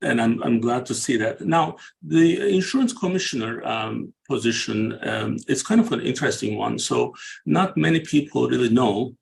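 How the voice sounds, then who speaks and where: Turkish-born middle-aged host, strongly gravelly, halting questions; faint background hiss. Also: male voice, medium pitch, lively intonation, rough recording. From Turkey. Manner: hesitant, many fillers. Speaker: interview host. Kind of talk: interview questions.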